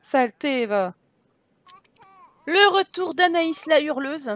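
A woman with a high voice chats her way through a game, teasing her characters and exclaiming at every surprise. The sound is close and dry, with no room around her. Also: expressive, slow, a bit bright, no echo. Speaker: gaming let's-play host. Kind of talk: casual game commentary.

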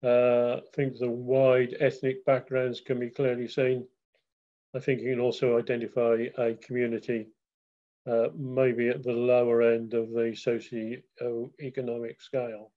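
A man giving a slideshow history talk on a video call, steady, with frequent uh fillers. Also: mid-range voice, unhurried. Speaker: guest presenter. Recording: dull lo-fi call audio.

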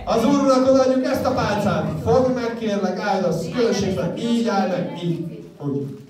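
A woman children's entertainer running a live party show, playful and teasing as she calls out to the kids. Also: medium pitch. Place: large indoor hall with a crowd and music. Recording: echoey hall, far from the camera, loud crowd and music.

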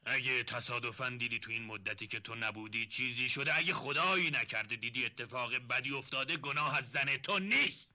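An actor playing a sly, smooth-talking older relative who coaxes and confides in hushed tones in a 1970s TV drama. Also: male voice, mid-range voice, hardly any pauses. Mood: coaxing.

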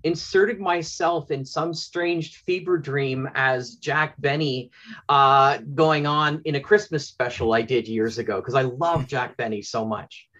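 A middle-aged Canadian man, an audio drama producer, speaks as an interview guest over a video call, telling stories in a casual, conversational way. His mid-range voice is steady, a little slow and a bit bright. He sits in a small home room lined with bookshelves, and the audio sounds dull.

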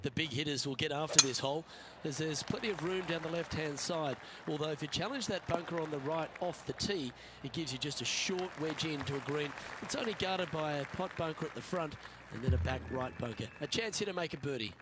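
An actor playing a composed male golf broadcaster, giving measured, scripted play-by-play for a video game. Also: fairly high pitch, noisy background, close to an everyday voice. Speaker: golf commentator. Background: game music.

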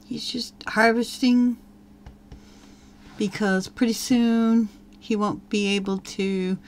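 A woman's voice: a little high, steady tone, takes it slowly, a little hiss or hum. A woman giving casual gameplay commentary as a let's play host, chatting and talking to her game characters as she plays.

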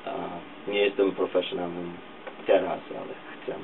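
A young man in his 20s or 30s, a musician guest on a casual interview, talks in a low voice with little pitch movement. He's a native English speaker who halts and searches for words, mixing in English. It's a small indoor radio studio, caught on a dull, distant, lo-fi camera recording with clearly audible noise.

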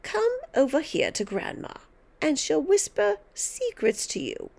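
A woman performs a wicked old grandmother from a storybook, whispering threats in a throaty voice. The delivery is slow and gravelly, rising and falling widely. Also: high voice, huge pitch swings, darkish tone, pitched above the performer's own voice, heavily acted. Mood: menacing. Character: sinister old grandmother witch, menacing.

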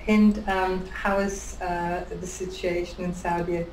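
A woman speaking as a guest on a video call, chatty and quick to laugh. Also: lowish voice, level tone, background noise. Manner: chatty, laughs between phrases. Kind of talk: casual chat and self-introduction. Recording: roomy, distant video-call sound.

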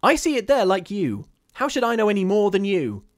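A man's voice: medium pitch, big pitch swings, quick pace, no echo, clean studio sound, voice pushed up, lightly acted. Man as a stern, curt, irritable woman. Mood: curt, exasperated. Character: stern, sharp, tightly self-controlled woman.

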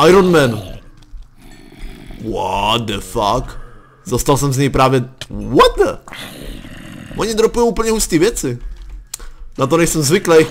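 A man's voice: a little high, a little hiss or hum. A young man with a Czech accent, commenting on his own gameplay and breaking into startled yelps and swearing. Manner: excitable, jumps to yelps and curses when startled. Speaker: gaming channel host. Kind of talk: Let's Play commentary.

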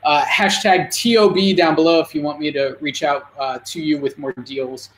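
A man hosting a podcast, pitching an event and asking questions in a salesy way with many "uh" fillers. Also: fairly even intonation, moderate pace, fairly bright tone, a little hiss or hum. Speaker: podcast host. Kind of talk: promotional pitch and interview questions. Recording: roomy echo.

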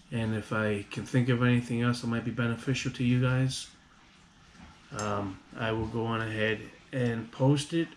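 A man vlogging casually about a home remedy, rambling with halting restarts and fillers. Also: medium pitch. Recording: audible background noise.

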